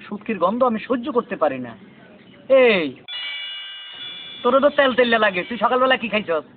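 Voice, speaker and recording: A man's voice: extremely high pitch, lively intonation, noisy background. A man, playing a bossy, greedy music teacher in a comedy skit. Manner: bossy, greedy, sings off-key in a drawn-out way. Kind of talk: comic skit acting. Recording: tinny lo-fi audio with loud music.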